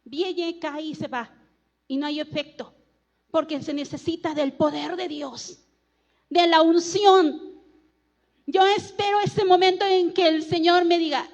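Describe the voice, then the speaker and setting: A woman preaching a sermon in a church, earnest and prayerful, slowing down to stress key words. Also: high-pitched, dull audio. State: tired.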